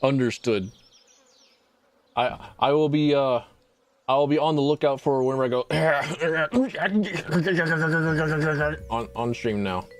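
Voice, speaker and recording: A young man with a slightly high voice streams live, speaking slowly. He chats casually and rambles, putting himself down and swearing freely, with faint music behind him.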